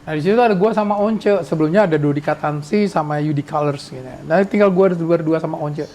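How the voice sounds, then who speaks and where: In a casual podcast chat, the host, an Indonesian man in his sixties, reminisces fast in a high, somewhat mellow voice. He rambles and keeps starting over while a faint hiss runs underneath.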